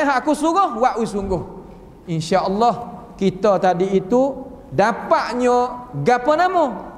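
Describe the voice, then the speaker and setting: A man with a Kelantan-Patani Malay accent giving a Quran commentary lesson as a religious teacher, folksy and full of rhetorical questions. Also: sits high. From southern Thailand (Patani). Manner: folksy, asks rhetorical questions, acts out quoted voices. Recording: long reverb of a large hall.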